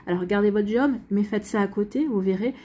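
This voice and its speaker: Breathy French woman giving a casual reading. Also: medium pitch, brisk, warm tone. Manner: rambling, many restarts and fillers, reassuring. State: hiccups. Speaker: astrology and tarot reader. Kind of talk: casual spoken reading to viewers.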